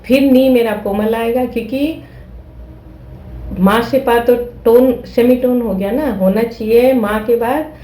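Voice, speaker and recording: A woman's voice: fairly high pitch, a little slow, mellow, echoey room, low-quality recording. A woman teaching flute who explains patiently, repeating steps and checking that listeners follow. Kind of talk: explaining a music lesson.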